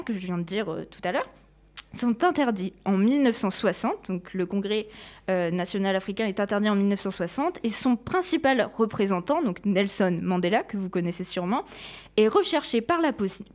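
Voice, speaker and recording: A woman's voice: fairly high pitch, a little mellow. A young woman presenting history on community radio, casual and chatty, with many fillers and restarts.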